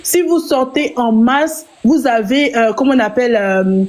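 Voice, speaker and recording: Woman guest, fairly high voice, insistent and repetitive. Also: unhurried, a little mellow. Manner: insistent, repeats for emphasis. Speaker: guest commentator. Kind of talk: political discussion.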